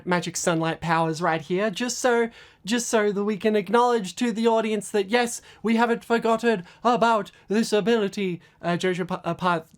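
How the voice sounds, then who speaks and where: A woman video creator giving casual behind-the-scenes commentary in a rambling, stammering, enthusiastic way. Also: lowish voice.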